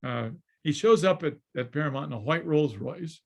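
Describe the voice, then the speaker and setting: A man's voice: a little high, lively intonation, normal speed, gravelly. An older man telling showbiz anecdotes as an interview guest, chuckling and acting out the people he quotes over a video call. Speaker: guest, former studio story editor and screenwriter.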